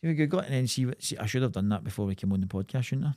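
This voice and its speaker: A man's voice: mid-range voice, animated, very fast, a little mellow, dry recording. Scottish male podcast co-host, close dry sound, foul-mouthed and jokey, loose comic banter. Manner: sweary, jokey. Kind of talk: casual comedic banter.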